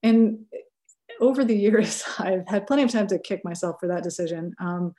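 A researcher and teacher from California, in her thirties, speaks at a moderate pace with a medium-pitched, dark-toned voice. The interview is casual, and she laughs often while piling up fillers and correcting herself.

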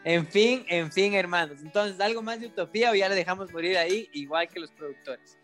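A man hosting a podcast in casual chat, animated, teasing and swearing freely among friends. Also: high voice, brisk, faint music behind. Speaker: podcast host.

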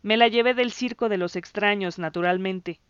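A woman's voice: mid-range voice, moderate pace, smooth, dry recording, lo-fi sound, natural voice. A woman voicing a proud boy who boasts and defends himself. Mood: insistent. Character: proud boy, cocky but uneasy.

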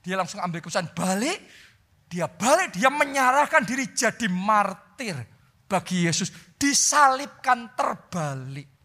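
A middle-aged man preaching a sermon as pastor, telling a story with sudden loud peaks and soft, quiet drops. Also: high-pitched.

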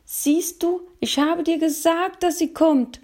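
Woman doing an eager high-voiced little boy. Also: slow pace. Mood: triumphant. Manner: high, excited, proud. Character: eager poor boy about nine, protective. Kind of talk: audiobook reading.

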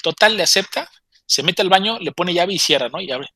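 A man's voice: high voice, expressive, a little fast, pushed and bright, no echo. A man casually telling a story, chatty and often stammering as he restarts his phrases.

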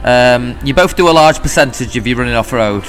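A man's voice: medium pitch, lively intonation, brisk. British man hosting, faint music behind. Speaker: podcast host. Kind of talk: casual interview hosting, reading listener questions.

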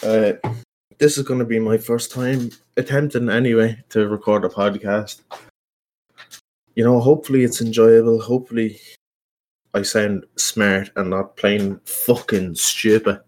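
A man's voice: fairly low pitch, fairly even intonation, unhurried, a little mellow. A young man with an Irish accent hosting a casual solo podcast, rambling informally and self-consciously with plenty of swearing. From Ireland. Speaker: podcast host.

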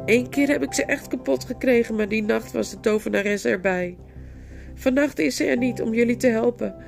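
A woman voicing an enchanted young male knight who begs and pleads, breaking into frantic shouts. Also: on the high side, animated, measured pace, faint music behind, pitched above the performer's own voice. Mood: raging.

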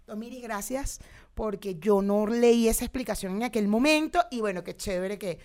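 A woman's voice: medium pitch, moderate pace, a little mellow. A woman co-hosting a podcast, chatting casually and laughing often. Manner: laughs often, bursts into playful singing. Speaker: podcast co-host. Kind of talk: casual chat.

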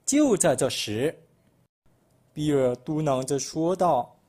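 A man from Malaysia narrating a children's picture book, expressive storytelling. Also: on the high side, takes it slowly.

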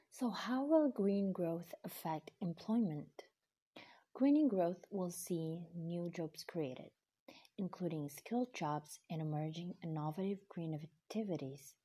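A woman from Indonesia giving a scripted explainer, reading in a steady, earnest tone with breathy stretches. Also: on the low side. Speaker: presenter.

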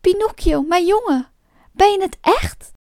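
A woman voicing an old, gentle woodcarver father in a storybook reading, speaking warmly and emotionally. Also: sits high, lively intonation, moderate pace, dry recording, clean studio sound. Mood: tearful joy. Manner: warm, emotional.

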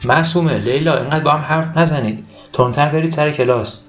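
A man voicing a stern but caring male village schoolteacher who gives brisk orders to his pupils. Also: on the high side, faint music behind, natural voice. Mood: commanding.

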